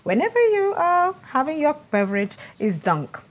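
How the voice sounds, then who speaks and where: A woman's voice: high-pitched, very animated, moderate pace. A woman speaking as an etiquette coach on a lifestyle show, giving conversational, instructive advice on dos and don'ts. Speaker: etiquette coach, guest expert.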